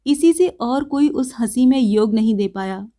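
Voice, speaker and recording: A woman narrating a story in a measured, unhurried reading. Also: on the high side, animated, dark tone.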